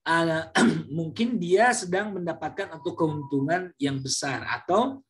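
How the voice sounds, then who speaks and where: A man teaching a class, explaining slowly with many fillers and sometimes acting out example words loudly. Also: a little high, a little hiss or hum. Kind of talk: classroom lecture.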